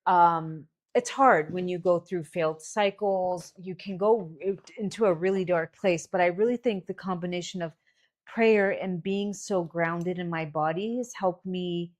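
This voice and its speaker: Low-voiced woman hosting a live chat. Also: steady tone, a little slow. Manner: chatty, gives health advice. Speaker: live stream host.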